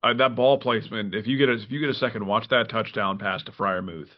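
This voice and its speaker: A man co-hosting a sports podcast in casual chat, animated and full of quick restarts. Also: lowish voice. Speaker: podcast co-host. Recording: dull lo-fi podcast audio.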